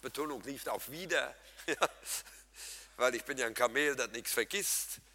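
Bright-voiced male preacher in a reverberant hall. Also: mid-range voice, normal speed. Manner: lively, humorous, addresses congregation directly; swings between loud emphatic and soft quiet passages. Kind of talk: sermon.

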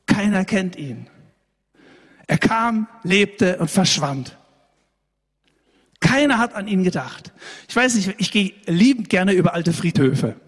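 Husky-voiced lively male preacher. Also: high-pitched, in a large hall. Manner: lively, conversational preaching, addresses the congregation directly with frequent "ne?". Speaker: pastor. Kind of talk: sermon. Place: church hall.

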